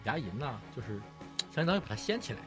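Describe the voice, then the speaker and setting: A man's voice: medium pitch, very animated, fast. A man speaking as a dental expert in a casual chat, explaining and advising step by step. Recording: music playing behind the talk.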